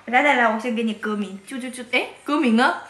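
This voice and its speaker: A young woman chatting in a playful, animated, giggly way during a game with a friend in a living room. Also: a little high, quick pace, a little hiss or hum. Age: young adult. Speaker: whisper challenge player. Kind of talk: playful casual chat. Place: living room with sofa, indoors. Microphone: camera a short way off. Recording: echoey room.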